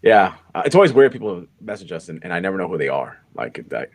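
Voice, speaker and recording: A man with a low voice and wide pitch swings talks quickly while co-hosting a live football podcast. He's a coach who rambles, repeats himself and leans heavily on filler words in this casual live chat.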